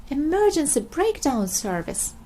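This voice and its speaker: A woman voicing an eager, excitable little girl pig from a children's storybook. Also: sits high, a little slow, voice pushed up. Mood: excited.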